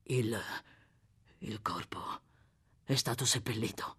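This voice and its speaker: A woman reading an audiobook voices a desperate, brutal male murderer on the run, growling low and breaking into furious shouts. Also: lively intonation, brisk, breathy edge, full character voice. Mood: grim dread.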